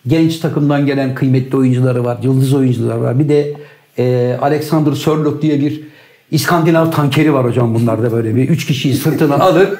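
An older man from Turkey chatting casually, telling animated, joking stories and acting out what people said. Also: medium pitch, fairly quick. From Turkey, grew up in Bursa. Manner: animated joking storyteller, acts out quotes. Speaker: co-host. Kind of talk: casual chat. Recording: roomy echo.

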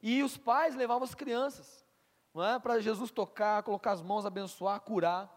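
A man's voice: high voice, steady tone, moderate pace. A man preaching a sermon as pastor, asking the congregation questions and restarting words as he goes. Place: church hall with long reverb. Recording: reverberant church hall.

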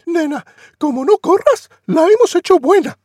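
A man voicing a spirited, blunt young woman in a raised, high voice. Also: expressive, moderate pace, mellow, no echo, studio quality. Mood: alarmed.

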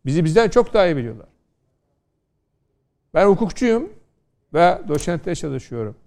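A man's voice: fairly high pitch, very animated, normal speed, a little mellow. A middle-aged man from Konya, a law scholar on a studio panel, lecturing and telling stories with rhetorical questions. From Turkey, Konya.

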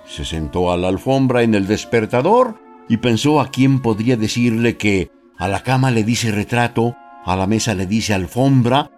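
Low-voiced Mexican man telling a story. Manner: measured, expressive, slowing for emphasis. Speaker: radio storyteller. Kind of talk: expressive storybook narration.

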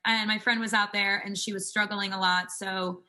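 A woman's voice: medium pitch, little pitch movement, moderate pace, sharp tone. A woman in her twenties, a singer telling stories in a casual interview, chatty and full of "like" fillers. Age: 20s. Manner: chatty, fills speech with "like". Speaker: singer guest.

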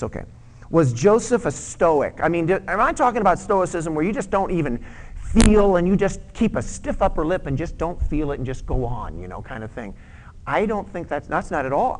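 A man preaching a sermon in an earnest, conversational way, asking the audience to respond. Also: medium pitch. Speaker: pastor.

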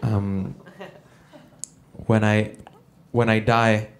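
A man from El Salvador doing a stand-up comedy set, with a halting delivery full of fillers and restarts. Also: lowish voice, little pitch movement, crowd noise. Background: audience laughter.

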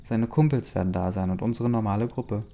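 A man reading the lines of a cheerful, teasing teenage girl in a low, mellow voice. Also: brisk, gravelly.

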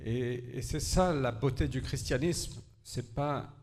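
Guy preaching a sermon, earnest, kinda halting, short chunks w/ pauses, medium pitch. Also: creaky, darkish tone. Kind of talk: sermon delivered in short phrases for an interpreter.

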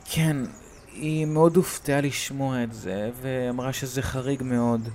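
A man's voice: medium pitch, fairly even intonation, darkish tone, a little hiss or hum, lightly acted. A man voicing his laid-back young twin brother in a creepy story. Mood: calm explaining.

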